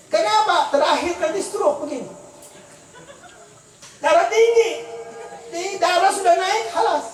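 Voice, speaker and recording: A man's voice: very high voice, a little hiss or hum. A man preaching a sermon, emphatic and repetitive, full of rhetorical questions. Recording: echoey, distant mic, faint ambience.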